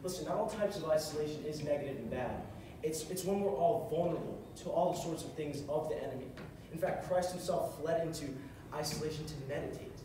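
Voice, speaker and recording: Brisk and with few pauses, a young man gives a short, earnest sermon in a slightly high voice, repeating phrases for emphasis. His spot is a music stand on stage in a large carpeted hall. The distant camera mic picks up heavy room echo and hiss.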